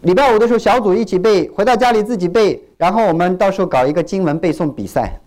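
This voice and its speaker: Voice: medium pitch, fast. A pastor from China preaching a sermon, asking the congregation questions and acting out what churchgoers say. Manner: animated, asks the congregation questions and acts out quoted churchgoers.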